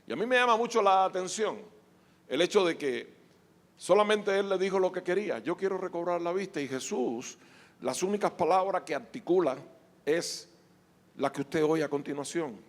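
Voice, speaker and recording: A male pastor preaching a sermon, moving between quiet scripture reading and shouted exhortation. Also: high voice, animated, moderate pace. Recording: echoey hall.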